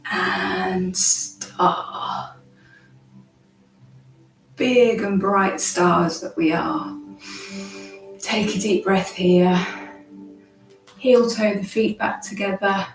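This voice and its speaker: Slow, soft-spoken woman guiding meditation. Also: medium pitch, gravelly, echoey room, low-quality recording. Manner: soft, calm, soothing spa-like delivery with long pauses. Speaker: guided meditation and gentle movement instructor. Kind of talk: guided meditation and relaxation instruction. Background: background music.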